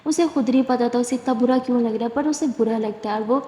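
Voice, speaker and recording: A woman's voice: a little high, warm tone. A woman retelling a serial love story in a casual, chatty way, full of fillers, in a roomy space. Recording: roomy with long reverb.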